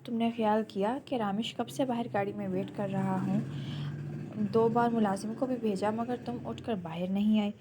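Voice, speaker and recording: A woman reading an audio novel, voicing a hot-tempered, jealous young man who shouts his demands. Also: mid-range voice, steady tone, very noisy, lightly acted. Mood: angry.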